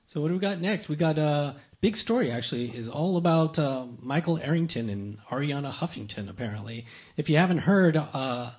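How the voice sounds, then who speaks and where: A man's voice: a little high, lively intonation, brisk, darkish tone. A man co-hosting a casual tech news chat, explaining gadgets with lots of fillers and restarts.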